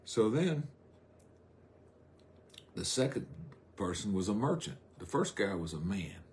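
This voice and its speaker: Deep-voiced folksy preacher man. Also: sing-song, darkish tone, a little hiss or hum. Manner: folksy, rambling asides, drawn-out emphasis. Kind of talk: sermon on a live stream.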